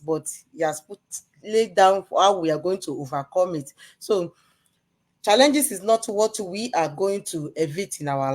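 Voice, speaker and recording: A woman's voice: lowish voice, darkish tone. A woman from Nigeria, speaking earnestly and emphatically about her faith on a live show.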